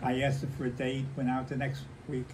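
An American man in his nineties, an old veteran remembering the past in halting, conversational stories, repeating himself and acting out remembered dialogue. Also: medium pitch, completely flat delivery, darkish tone. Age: 90s. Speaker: war veteran interviewee. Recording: noisy handheld home recording.

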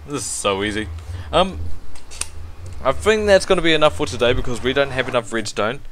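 A man hosting a gaming video, chatting casually over his gameplay, excitable, with lots of ums and laughs. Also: medium pitch, fairly quick, a little hiss or hum.

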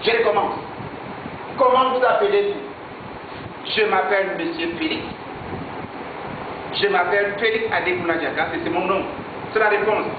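A man's voice: high-pitched, noisy background. Echoey far-off man teaching French. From Nigeria. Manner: repeats answers slowly, switching between French and English. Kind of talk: classroom lesson. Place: classroom. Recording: echoey room, far from mic, tinny lo-fi.

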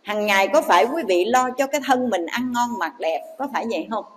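A Buddhist nun telling a story in a dharma talk, addressing the audience directly. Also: female voice, medium pitch, expressive, a little fast. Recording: long hall reverb.

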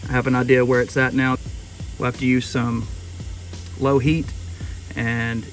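A man's voice: medium pitch, level tone, measured pace, soft background music. A man working as an HVAC technician, explaining a repair outdoors in a casual, plain-spoken way with fillers. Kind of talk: on-the-job explaining. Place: outdoors at an air conditioning unit.

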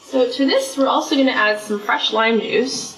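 A woman's voice: on the high side, moderate pace, a bit bright. A young woman walks through a home cooking demonstration, chatty and explanatory. The kitchen sounds roomy and echoey, and faint music plays underneath. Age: young adult. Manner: chatty, explaining each step. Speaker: cooking show presenter.

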